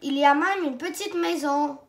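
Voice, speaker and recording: A woman's voice: high-pitched, moderate pace. Caillou, a woman doing an eager little boy. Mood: excited. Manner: eager, exclaiming. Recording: roomy echo.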